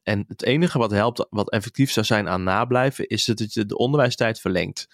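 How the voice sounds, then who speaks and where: A man's voice: on the low side, a little fast, no room sound, clean studio sound. A man from the Netherlands co-hosting a podcast, telling stories in casual chat with many fillers. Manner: chatty storyteller with many fillers. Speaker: podcast co-host.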